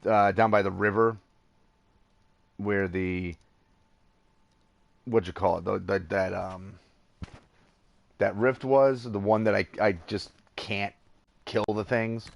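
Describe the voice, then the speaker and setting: A man's voice: on the low side, steady tone, takes it slowly, creaky, long pauses. A tired man rambling through casual gameplay commentary, chuckling at himself and hesitating often. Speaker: let's play gamer.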